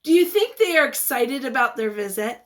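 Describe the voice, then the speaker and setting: A woman with a high-pitched voice reads a picture book aloud, teacher-style, sounding expressive and encouraging. Between passages she pauses to question her young audience.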